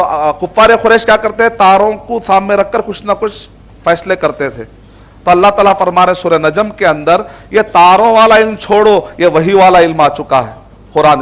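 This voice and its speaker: High-voiced man giving a casual religious lecture. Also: a bit bright. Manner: conversational, repeats phrases, mixes English words. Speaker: Islamic scholar teaching Quran themes.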